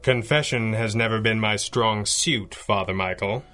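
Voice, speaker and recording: Red Panda, solemn masked vigilante. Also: male voice, on the low side, pushed and bright, soft background music. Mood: wry, grave. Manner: measured, formal, solemn. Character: resolute masked vigilante hero. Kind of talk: pulp-hero radio drama acting.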